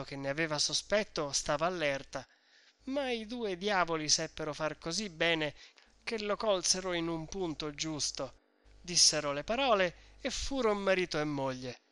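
Guy reading a bossy know-it-all mom explaining stuff, bright tone, dry close sound. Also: fairly high pitch, normal speed, clear, resonant tone, no echo. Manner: insistent, explaining. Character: shrewd talkative middle-aged mother.

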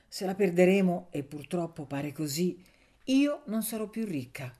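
A proud young rich woman speaks in a brisk, firm way, as a woman reader voices her. Her voice sits low and mellow. The scene is from an audiobook. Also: lively intonation. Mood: worried. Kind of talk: audiobook reading.

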